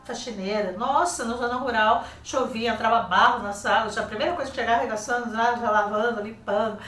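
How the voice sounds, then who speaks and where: Older Brazilian woman, teacher guest; animated storyteller who voices her quotes, fairly high voice, roomy, off-mic studio sound. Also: fast talker, distant mic. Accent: Brazilian Portuguese. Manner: lively, acts out quoted dialogue. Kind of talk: casual interview storytelling.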